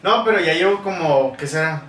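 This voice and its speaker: A man's voice: on the high side, animated, normal speed, a bit bright. A young man with a Mexican accent in casual chat, slangy and saying güey all the time. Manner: slangy, says güey constantly. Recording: echoey room, mic at a distance, faint noise.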